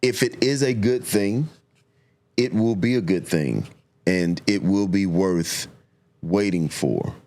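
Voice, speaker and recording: Deep voiced middle aged guy, real slow n deliberate, reflective advice chat, repeats stuff for emphasis. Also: animated, a little mellow. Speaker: talk show speaker giving relationship advice. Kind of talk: reflective conversational advice talk.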